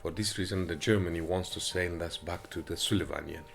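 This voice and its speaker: A man from Afghanistan, speaking halting with many hesitations as he gives personal testimony in an interview, recorded in an apartment. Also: low-pitched, fairly even intonation, creaky, soft background music. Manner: halting non-native English with frequent hesitations.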